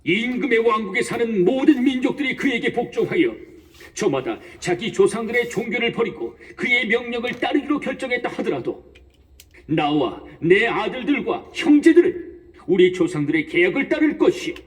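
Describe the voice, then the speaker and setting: A man's voice: medium pitch, expressive, normal speed, long pauses, natural voice. Man acting an aged grieving patriarch. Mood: defiant. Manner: solemn declaiming. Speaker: Mattathias. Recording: distant voice over soft music.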